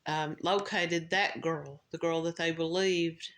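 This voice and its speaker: A woman's voice: low voice, steady tone, slow pace, a bit bright. A woman hosting a true crime podcast, telling the story in a casual, conversational way with restarts and filler words.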